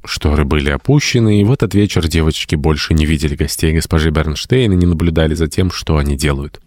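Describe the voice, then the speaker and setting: A man narrates an old novel in a measured, storytelling manner. His voice sits very low and deep. The recording is dry and close, with no room sound. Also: a little mellow, dry recording. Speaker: audiobook narrator. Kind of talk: scripted narration.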